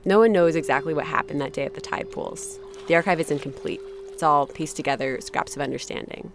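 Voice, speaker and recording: A woman hosts and narrates a scripted story podcast, speaking in a conversational, reflective way. Her voice is low-pitched and fairly quick, with a noisy background.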